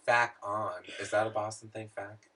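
A man's voice: fairly low pitch, flat delivery, sharp tone. A young man co-hosting a podcast, chatting casually and joking with plenty of profanity. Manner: profane, joking, quick banter. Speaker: podcast co-host. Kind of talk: casual chat.

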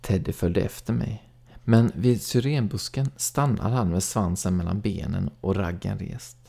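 A man narrating a first-person story in a calm, even storytelling read. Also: fairly low pitch, creaky, breathy edge. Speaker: audiobook narrator.

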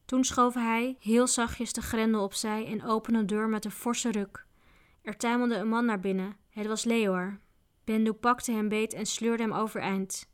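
A woman narrating a children's adventure book in a steady storytelling voice. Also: a little high, a little slow, clean tone. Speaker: audiobook narrator. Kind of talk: scripted narration.

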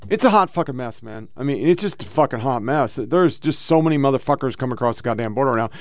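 A man's voice: mid-range voice, animated, fast, no echo. An American man hosting casual political commentary, blunt and full of swearing. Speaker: host.

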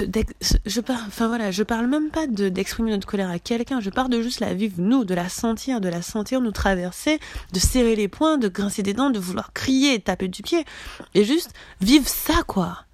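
A woman's voice: medium pitch, a little mellow, no room sound. Blunt, emphatic woman coach, dry sound. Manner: casual, blunt, emphatic, swears freely. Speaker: coach leading a group challenge. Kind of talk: motivational talk to camera.

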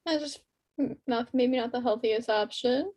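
A woman's voice: fairly high pitch, moderate pace, a little mellow. A young adult woman chatting casually as a podcast co-host.

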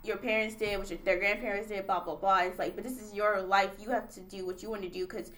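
A woman co-hosting a podcast in casual chat, lively and acting out quoted dialogue. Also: mid-range voice, quick pace. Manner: animated, acts out quoted dialogue. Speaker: podcast co-host.

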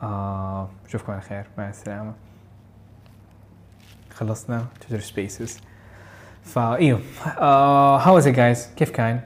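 A man's voice: mid-range voice, fairly even intonation. A man hosting a live audio question-and-answer session, giving casual advice in a chatty, encouraging way. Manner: rapid, chatty, with frequent restarts and encouraging asides. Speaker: host of a live audio Q&A for exam learners.

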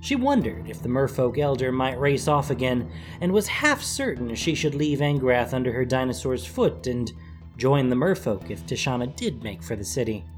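Expressive storyteller narration, lively pitch, over a steady music bed. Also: normal speed. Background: background music.

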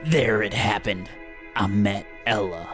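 A man's voice: on the low side, fairly even intonation, measured pace, music in the background, lightly acted. A man reading the part of a brooding former taxi driver in solemn voice-over narration during a script read-through.

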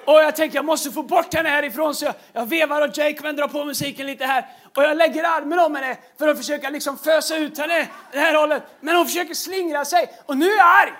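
High-pitched male preacher, animated storyteller, stumbles through fillers and laughs mid-sermon. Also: hardly any pauses. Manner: animated, breaks into laughter, frequent fillers and repeated words. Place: large church stage.

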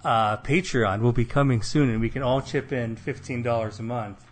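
A man's voice: medium pitch, fairly even intonation, normal speed, a little hiss or hum. A young man with a Midwestern accent hosting a casual podcast chat, rambling and self-deprecating with lots of fillers. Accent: Midwestern American. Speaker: podcast host.

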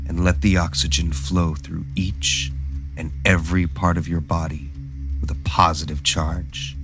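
A man guiding a meditation in a soft, calm, soothing way, like an instructor leading relaxation. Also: deep voice. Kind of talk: guided meditation narration.

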